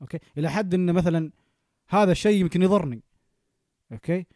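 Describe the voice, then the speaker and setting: A man's voice: high voice, no room sound, studio quality. A young man, co-hosting a casual podcast chat and often checking in with his listener. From Oman. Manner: animated, rapid, checks in with "okay?" often. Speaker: podcast co-host.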